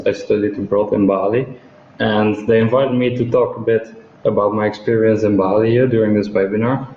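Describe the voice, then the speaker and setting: A man's voice: on the low side, darkish tone. Hesitant young man from the Netherlands. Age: young adult. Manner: hesitant, many ums. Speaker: former exchange student, guest. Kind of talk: casual chat. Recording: echoey, dull webinar audio.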